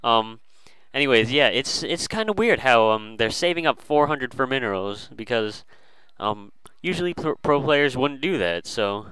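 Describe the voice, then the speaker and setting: A man's voice: mid-range voice, animated, normal speed, hardly any pauses, pushed and bright, clear, resonant tone, no room sound, low-quality recording. A man casually commentating a strategy game, hesitant and full of fillers and restarts.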